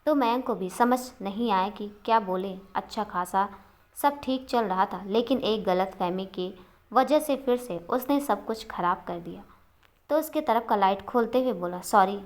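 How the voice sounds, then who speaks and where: A woman storyteller giving a steady, even scripted narration of a love story. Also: mid-range voice, moderate pace.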